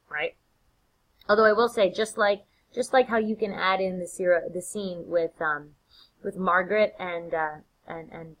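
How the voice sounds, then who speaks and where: A woman's voice: fairly low pitch, fairly bright tone, poor audio. A woman teacher giving a recorded lecture in a casual, chatty way, with many fillers and restarts. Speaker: literature teacher.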